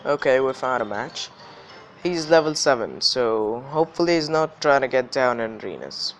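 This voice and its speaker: A man's voice: medium pitch, expressive, normal speed, a bit bright, faint music behind. A man hosting a gaming video with casual gameplay commentary, his voice slightly affected by illness. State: slightly ill voice.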